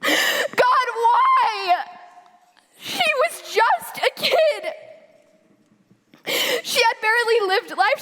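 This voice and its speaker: A woman's voice: very high-pitched, bright, forceful tone. A young woman performing a dramatic monologue as a grieving teenage girl, with the anguished, emotive sorrow of a tragic heroine. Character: grieving teenage girl who lost her little sister. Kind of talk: dramatic monologue, theatrical first-person storytelling. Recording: echoey hall with long reverb.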